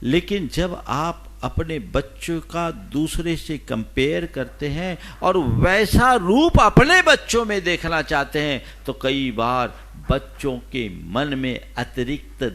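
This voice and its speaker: A man who is a Jain monk, preaching slowly and emphatically, his voice swinging between loud and soft. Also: on the high side, animated. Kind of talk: sermon.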